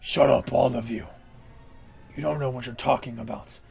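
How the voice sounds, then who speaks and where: A man voicing a gruff, scornful orc bully with a gravelly, barking delivery in a tabletop game. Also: mid-range voice, fairly even intonation, normal speed, a little mellow, soft background music. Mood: scornful, angry. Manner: contemptuous, barking.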